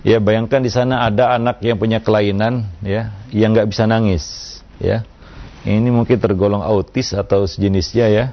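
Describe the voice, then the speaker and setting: A male preacher answering a listener's question with calm religious advice, unhurried and full of little "ya" tags, on a dull lo-fi recording. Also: fairly low pitch. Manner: unhurried, with frequent "ya" and "kan begitu" tags.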